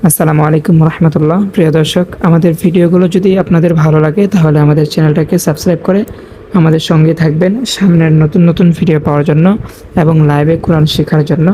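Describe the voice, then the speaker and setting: A woman teaching Quran recitation, spelling out each letter and vowel mark deliberately and chanting verses in long, drawn-out tones. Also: sits low, fairly even intonation, mellow, slight background noise.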